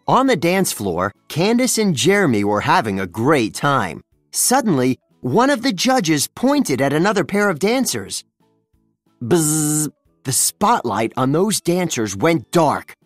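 A narrator reading a children's storybook aloud, with expressive storytelling. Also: mid-range voice, unhurried, no echo, faint music behind. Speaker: storybook reader.

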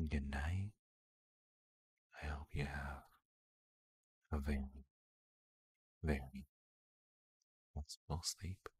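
A person softly whispering a slow, soothing sleep talk-down, with small quiet laughs now and then. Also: rumbling low, steady tone, breathy edge, no echo. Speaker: ASMR sleep guide.

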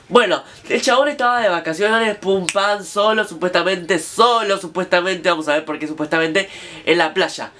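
A man's voice: high voice, background noise. A young man with an Argentine accent, casually recounting a story to his viewers in a chatty, slangy way. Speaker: vlogger.

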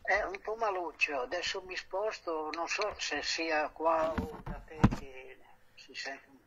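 An older man on a phone line, giving short, halting replies and checking whether he can be heard. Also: a little high, very noisy. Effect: heard over a phone line. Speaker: caller, former band leader. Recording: dull, muffled phone call.

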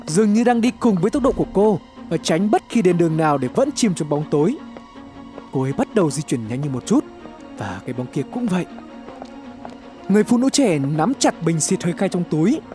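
A male narrator delivers a dramatic, suspense-filled horror story. His voice is high for a man and swings widely in pitch, though its tone remains mellow, with faint background music playing.

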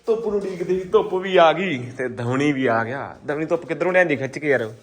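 A man's voice: on the high side, animated, brisk. A man from Punjab hosting a casual vlog, chatting and joking with friends. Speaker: vlog host, pigeon keeper.

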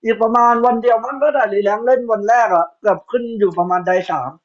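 A man's voice: very high voice, fast. A man in his twenties chatting casually on a game live stream, blunt, slangy and full of swearing. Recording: dull lo-fi stream audio.

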